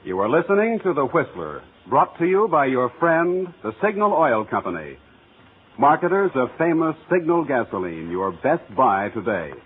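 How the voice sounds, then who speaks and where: Animated male announcer, tinny old radio. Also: mid-range voice, normal speed, music in the background. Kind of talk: 1940s sponsor announcement.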